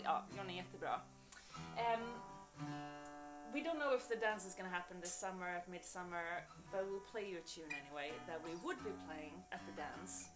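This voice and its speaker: Chatty swedish woman hosting a music stream. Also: medium pitch. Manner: chatty, switches between Swedish and English, greets viewers by name. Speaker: co-host of a live-streamed music show. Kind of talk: casual bilingual chat with viewers. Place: home veranda during a live stream.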